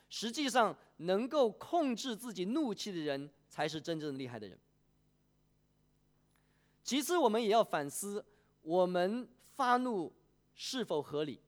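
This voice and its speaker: A preacher delivering a sermon, asking the congregation questions and polling them by a show of hands. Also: mid-range voice. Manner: animated, poses questions and polls the congregation.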